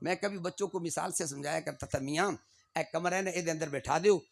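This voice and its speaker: A man's voice: fairly high pitch, gravelly. A middle-aged man, preaching a fervent sermon and often calling out emphatic lines. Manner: fervent, shifting between Urdu and Punjabi, rising to emphatic calls.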